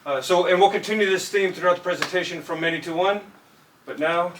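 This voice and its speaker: A man from California presents a student project directly to a live audience, speaking a little fast in a high-pitched, fairly bright voice. A distant microphone picks him up in a room with light noise.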